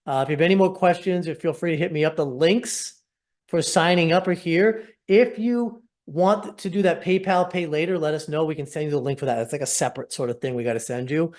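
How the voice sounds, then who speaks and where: A man's voice: on the high side, fairly quick, darkish tone. A man hosting a casual sales webinar over a video call, talking in an upbeat, persuasive and rambling way. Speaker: program host.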